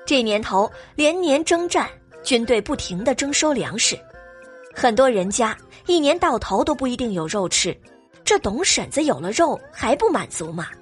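A woman's voice: fairly high pitch, big pitch swings, moderate pace, faint music behind. A woman narrating an audio drama expressively.

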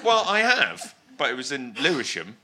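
Bloke on a comedy panel, sweary mock outrage, super up and down voice, noisy recording. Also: male voice, mid-range voice, huge pitch swings, moderate pace. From south east London. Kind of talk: bantering panel chat.

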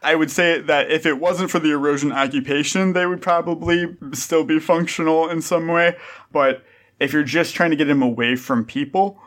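A man's voice: fairly high pitch, steady tone, moderate pace, fairly bright tone. A man running a tabletop game, narrating and answering players in a casual, improvised way. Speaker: game master.

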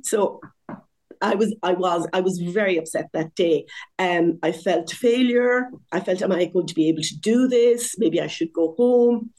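Lively woman in her sixties, lower voice. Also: normal speed. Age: 60s. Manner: lively, laughs often, self-deprecating. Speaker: guest. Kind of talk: conversational interview storytelling.

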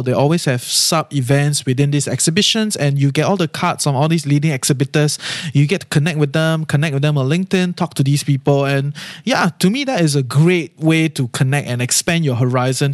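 A man's voice: fairly high pitch, no echo, clean studio sound. A man with a Singaporean accent hosting a podcast solo, giving casual advice in colloquial Singlish with particles like lah and frequent check-in tags. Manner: conversational, often checking in with "right?" and "you know". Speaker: podcast host.

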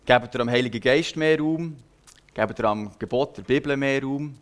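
A young man preaches with a Swiss lilt in his Standard German. He tells a personal story in an earnest, chatty way and often pauses to hesitate. His voice sits at an ordinary middle pitch. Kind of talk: personal sermon.

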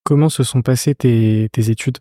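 A man's voice: mid-range voice, fairly even intonation, normal speed, dark tone, no echo, studio quality. A man hosting an entrepreneurship interview podcast, friendly and hesitant, with many fillers. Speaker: podcast host.

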